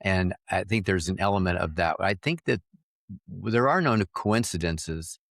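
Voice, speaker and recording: Deep-voiced reflective man, dry sound. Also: normal speed, gravelly, a bit bright, no echo. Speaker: podcast guest, marketing coach. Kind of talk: casual interview chat.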